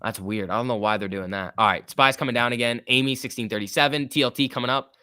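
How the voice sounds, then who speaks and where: This early-twenties livestream host talks fast, his medium-pitched voice pushed, bright, and smooth. He's running a casual trading stream, joking and chatting informally while reading and replying to viewer comments, in clean studio sound with no room sound.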